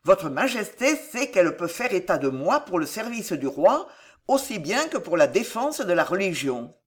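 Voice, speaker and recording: A woman's voice: lowish voice, very animated, normal speed. A woman reading an audiobook, voicing a proud, scheming male duke who speaks in a tense, pressing way. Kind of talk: audiobook character voice.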